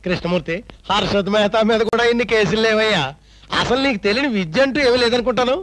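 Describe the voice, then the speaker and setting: An actor playing a sarcastic older uncle who scolds the husband in a film comedy scene. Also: male voice, sits high, fast talker, a bit bright, no echo.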